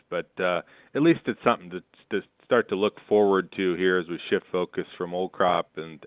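A man comes through a telephone line, his voice low and smooth despite the thin, narrow band of the call. He speaks in a measured, steady way, pausing on fillers as he walks through the markets. The sound is dry, with no room around it. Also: dry recording. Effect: heard over the phone. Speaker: market analyst guest. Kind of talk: market commentary.

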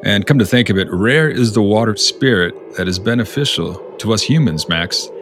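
Deep-ish guy cracking jokes on a podcast, faint room hum behind. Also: animated, moderate pace, a bit bright. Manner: wisecracking, teasing. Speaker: podcast co-host. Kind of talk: casual banter.

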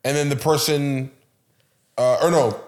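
A man's voice: a little high, steady tone, a little slow, a little mellow. A man from Canada hosting a podcast, chatty and storytelling as he asks his guest questions. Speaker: podcast host. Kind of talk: conversational interview.

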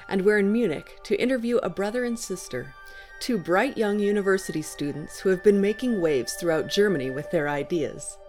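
A woman's voice: on the low side, darkish tone. Cheerful woman hosting a podcast. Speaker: podcast host. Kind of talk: scripted podcast interviewing.

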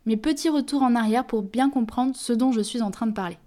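A woman's voice: on the high side, brisk, mellow. Woman hosting a friendly podcast. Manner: friendly, addresses listener directly. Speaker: podcast host. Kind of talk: casual scripted podcast talk.

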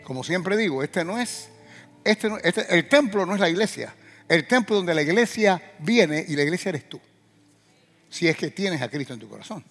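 A man preaching a sermon as pastor, calling out questions to the congregation and breaking into loud, rising bursts. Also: high-pitched, animated, moderate pace, long reverb tail, soft background music.

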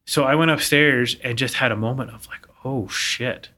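A man's voice: mid-range voice, a little fast, pushed and bright. A man in his thirties co-hosting a podcast, telling a personal story earnestly in casual conversation. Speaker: podcast co-host. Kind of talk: casual chat.

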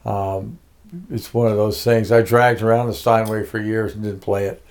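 A man's voice: lowish voice, level tone, normal speed, darkish tone. An older man from Connecticut, a music producer being interviewed, telling his life story casually with many fillers and restarts.

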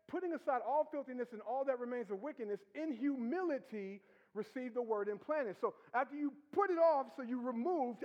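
A man preaching as pastor, conversational and teasing, with rhetorical questions and quick laughs. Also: extremely high pitch, darkish tone. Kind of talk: sermon. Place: church hall. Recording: dull sound with long hall reverb.

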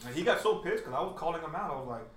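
A young man telling stories in casual chat, animated and profane. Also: a little high, rapid-fire, roomy sound, slight background noise.

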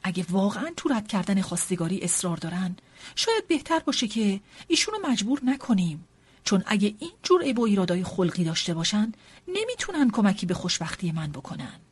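A woman's voice: mid-range voice, big pitch swings, breathy edge. A woman voicing a pompous, self-important young male suitor in an audiobook, stiff and formal. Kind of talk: audiobook character reading.

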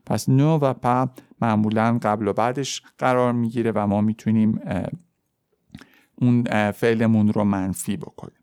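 A man teaching French on a podcast, explaining in Persian and saying the French forms slowly and clearly. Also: lowish voice, fairly even intonation, a little mellow, no echo, studio quality. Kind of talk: podcast language lesson.

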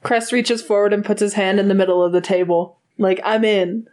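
A woman's voice: medium pitch, fairly even intonation, brisk, a little mellow. A woman player casually narrating her character's actions in a tabletop game.

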